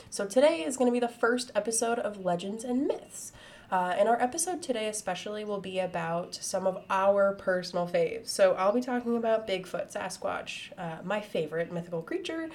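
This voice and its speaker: Relaxed woman introducing a podcast episode. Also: medium pitch, fairly quick. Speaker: podcast host.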